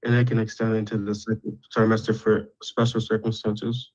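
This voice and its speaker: A man calling into an online debate, measured and laying out his points one by one. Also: fairly low pitch, flat delivery, a little mellow. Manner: measured, lays out points in order. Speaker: debate caller. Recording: dull lo-fi mic.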